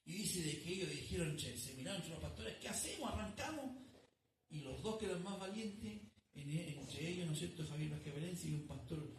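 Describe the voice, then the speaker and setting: A man's voice: a little high, brisk, a little hiss or hum. A man preaching a sermon as pastor, telling a story and calling his listeners "brother". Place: church. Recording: echoey room, distant mic.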